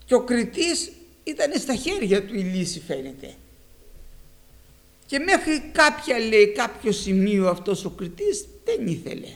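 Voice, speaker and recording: A male preacher giving a sermon, telling a parable with lively storytelling and rhetorical questions. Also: high voice.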